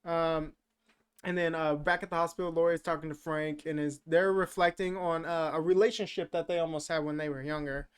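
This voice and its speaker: With a slightly high, smooth voice, a man co-hosting a podcast talks fairly quickly and with fairly even intonation. He rambles through a movie recap, joking, swearing, and filling gaps with "uh" and "like".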